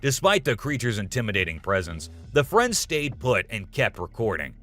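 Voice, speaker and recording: A man's voice: on the low side, very animated, normal speed, fairly bright tone. A man reading scripted narration in the manner of a nature documentary. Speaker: narrator of a video compilation. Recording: music behind the voice. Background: music.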